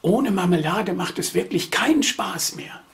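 A man voicing a small, worried, green-haired storybook creature in a whispered role-play, high and hushed. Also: animated, measured pace, creaky, heavily acted. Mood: anxious, longing.

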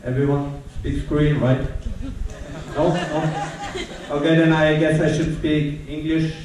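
A young German-accented graduate student, his voice high with little pitch movement and slow delivery, gives new students a playful, teasing, mock-dramatic welcome talk in a large lecture hall. The recording is echoey, captured from far off, with background noise.

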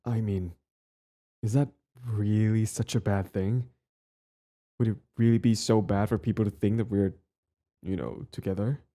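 For an intimate audio roleplay, a man plays a possessive young bully who is hopelessly lovestruck, his fairly low voice dark, relaxed and natural. Clingy and earnest, hopeful yet flustered, he trips over his words, speaking a little slowly with frequent pauses.

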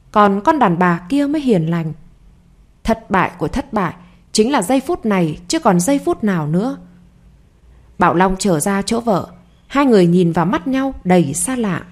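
A woman narrating a scripted audio story in a gentle, emotive reading voice. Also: mid-range voice.

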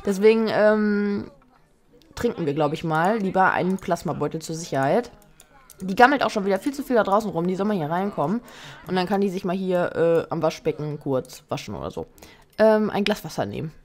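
A woman's voice: on the low side, expressive, a little fast, darkish tone. Woman, let's play host: chatty, casual, teasing, reads menu options aloud. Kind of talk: casual game commentary.

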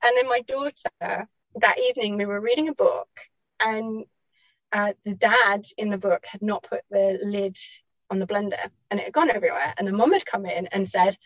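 A woman's voice: medium pitch, normal speed, dry recording, muffled recording. A woman guest telling personal parenting stories in a chatty, reflective way, laughing often and correcting herself as she goes.

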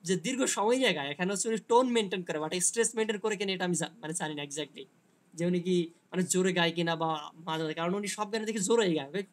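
Man teaching a linguistics class. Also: high voice. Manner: explains slowly, answers students by name, reads English passages aloud. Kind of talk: online linguistics lecture.

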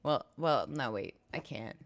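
A woman hosts a casual livestream from her home streaming setup, chatty and giggly and often breaking off mid-sentence. Her voice is extremely low-pitched, animated and unhurried.

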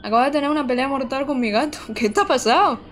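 A woman's voice: sits high, lively intonation, quick pace, a little hiss or hum. A young woman, chatting to her viewers while playing a game live. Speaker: streamer. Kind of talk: live gameplay commentary.

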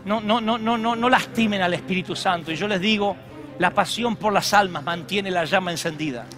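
A middle-aged man preaching a sermon as pastor, swinging from loud shouts to hushed tones. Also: sits high, fairly quick, soft background music. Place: large church auditorium.

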